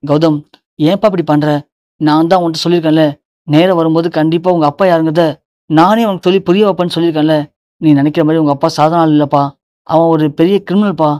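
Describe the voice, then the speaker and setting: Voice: mid-range voice, darkish tone, dry recording, lightly acted. A narrator voicing a worried mother pleading with her son about a family secret. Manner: pleading, fretful.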